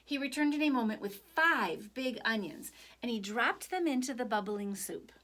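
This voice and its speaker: Woman reading a children's story, higher-pitched voice. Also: expressive, normal speed, a bit bright. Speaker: storyteller reading a picture book. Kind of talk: expressive read-aloud children's story narration.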